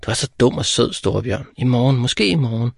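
A wayward, teasing young girl who orders people about, put on by a man in a raised voice. The audiobook voice has a gravelly, husky grain, recorded close and dry. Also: medium pitch, lively intonation, dry recording, pitched above the performer's own voice. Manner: teasing, bossy. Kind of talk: audiobook character voice.

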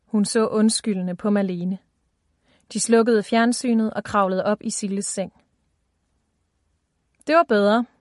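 Calm woman narrating an audiobook. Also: medium pitch, no room sound, clean studio sound.

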